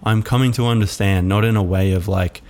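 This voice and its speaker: A man hosting a reflective solo podcast, musing aloud in a halting way with many fillers. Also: fairly low pitch, steady tone, darkish tone. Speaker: podcast host.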